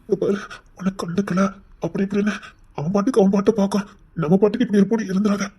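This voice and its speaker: A woman acting as a devoted young husband who teases his wife and then pleads his love in a soft voice. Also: mid-range voice, fairly even intonation, quick pace, husky, close to an everyday voice. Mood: tender. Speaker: actor in a romantic couple skit. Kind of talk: acted romantic dialogue.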